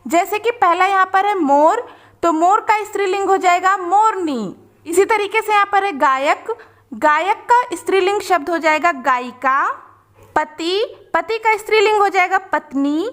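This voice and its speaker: A woman teaching young children a worksheet, reading each sentence slowly and patiently. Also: extremely high pitch, fairly bright tone. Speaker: teacher and channel host.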